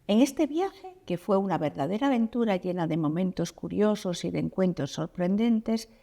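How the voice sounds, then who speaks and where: A woman's voice: medium pitch, mellow. A woman voicing a chatty mouse who tells a storybook tale and teases the listeners with questions. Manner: playful, teasing the listeners with questions. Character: chatty mouse storyteller, descendant of a prince's pet mouse. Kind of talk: storybook narration.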